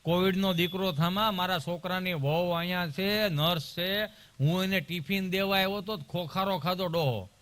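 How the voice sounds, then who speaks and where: A man voicing a cranky old grandfather in a hospital, talking in gruff, scolding retorts. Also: high voice, moderate pace, a bit bright. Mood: irritated.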